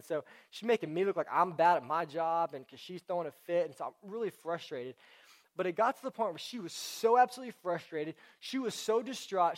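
A young man giving a casual sermon, talking conversationally with many fillers. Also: on the high side. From Houston area, United States.

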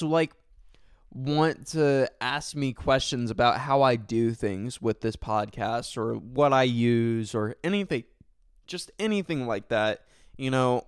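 A male podcast host chats on his own in an unhurried, rambling way, stumbling over words and filling gaps with ums. His voice is smooth and clear. The sound is dry, with no room around it. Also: medium pitch, no echo. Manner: rambling, self-correcting, full of fillers; sincere and thankful. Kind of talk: casual solo podcast talk.

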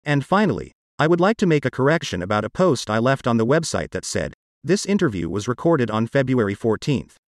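A man's voice: medium pitch, big pitch swings, fairly quick, no room sound, clean studio sound. A man's computer-generated voice, like an old speech synthesizer, reading scripted narration as a podcast host.

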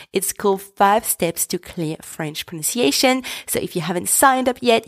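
Creaky-voiced woman teaching pronunciation. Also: medium pitch, no echo, studio quality. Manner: clear, patient, slows down to model words. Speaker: French teacher and podcast host. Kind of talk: podcast pronunciation lesson.

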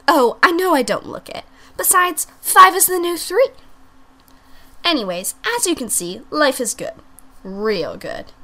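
A woman reading a storybook aloud, voicing a sassy, pampered little female French bulldog with theatrical, diva-like flair. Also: a bit bright. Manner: theatrical, diva-like, swooping pitch.

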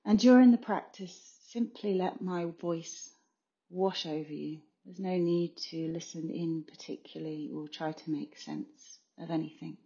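In a slightly muffled session recording, a woman with a low, dark, somewhat creaky voice leads a yoga nidra meditation. She speaks a little slowly and steadily, offering short soothing phrases separated by gaps. She is a meditation guide and consultant.

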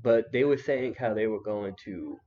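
A young man with a lowish voice hosts a podcast, speaking at a normal speed. He chats in a relaxed, joking way and keeps restarting his sentences. The audio is dull, lo-fi podcast quality.

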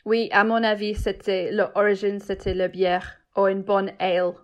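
English-native woman cook, slow and halting, casual chat. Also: mid-range voice, flat delivery. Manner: halting, searching for words. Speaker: guest cook.

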